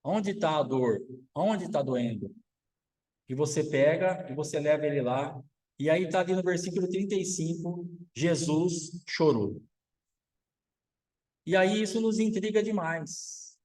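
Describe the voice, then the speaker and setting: A man's voice: fairly high pitch, a little slow, long pauses, a little mellow, poor audio. A man, a pastor, preaching a sermon, asking rhetorical questions and acting out quotes.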